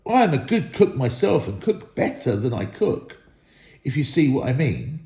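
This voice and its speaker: A man's voice: medium pitch, big pitch swings, moderate pace, creaky, darkish tone, roomy sound. A man voicing a small, timid male hobbit in a storybook reading, polite, flustered and pleading.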